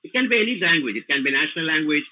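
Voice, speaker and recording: Male language trainer, Tamil Nadu Indian English, fairly high pitch, hesitant lecturing webinar voice, phone-quality audio. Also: lively intonation. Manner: halting, many fillers and "you know, no?" tags. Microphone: video call. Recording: tinny phone-like call audio.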